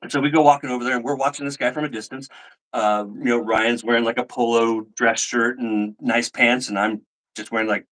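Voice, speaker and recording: Over poor audio, a middle-aged man tells stories to his livestream audience in a relaxed way, speaking fairly quickly in a mid-range voice. He's animated and performs the lines of the people he quotes.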